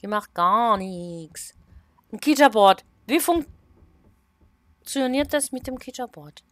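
A woman's voice: fairly high pitch, expressive, slow pace, dry recording. A woman, commentating a horror game in a casual, nervous way, talking to herself and exclaiming in fright. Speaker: let's play gamer.

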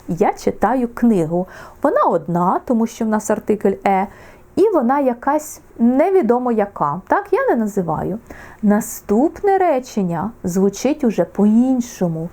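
A woman teaching English articles, slowing down to model and repeat example words. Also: a little high, warm tone. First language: Ukrainian. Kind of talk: explaining grammar with examples.

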